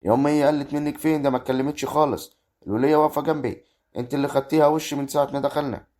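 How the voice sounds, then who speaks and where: A man's voice: on the high side, steady tone, very fast, a little mellow, close to an everyday voice. A man playing a harried Egyptian village husband. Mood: arguing. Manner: exasperated, arguing. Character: young village husband, man, torn between wife and mother. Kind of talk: amateur rural family drama acting.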